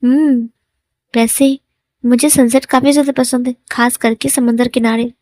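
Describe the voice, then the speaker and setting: A teasing, playful young man in love, read by a woman storyteller. The voice sits fairly high, light and quick to rise when he is caught off guard. It is recorded dry, with no room around it. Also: fairly even intonation, mellow, no echo, lightly acted. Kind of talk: storytelling in Hindi.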